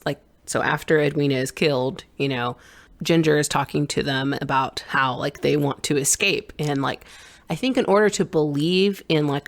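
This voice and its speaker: A co-host in a casual podcast chat with a mid-pitched voice. This speaker jokes easily and laughs a lot while talking things through. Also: vocal fry. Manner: laughs often, joking and casual.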